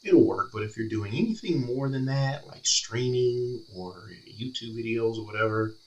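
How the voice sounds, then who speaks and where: A man's voice: medium pitch, normal speed, recorded from a distance, slight background noise. A man giving a casual product review, heard through a webcam's built-in mic that sounds tinny and muffled, with room echo from an untreated room. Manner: relaxed, explanatory, with fillers. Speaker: tech reviewer. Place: small untreated room with reverb.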